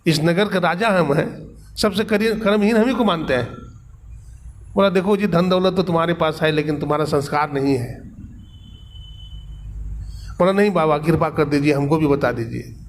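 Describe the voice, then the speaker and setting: A man's voice: on the high side, normal speed, long pauses, slight background noise. A man delivering a storytelling sermon as a spiritual teacher, voicing the characters in his parable. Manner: acts out the characters' quotes in the story.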